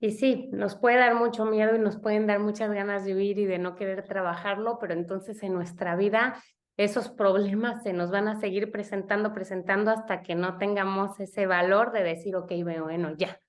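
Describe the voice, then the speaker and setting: A woman's voice: mid-range voice, steady tone, moderate pace. A woman hosting a podcast interview, chatting in a reflective way with frequent tag questions. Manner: warmly reflective, frequent "no?" tags, restarts. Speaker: podcast host. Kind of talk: casual interview chat.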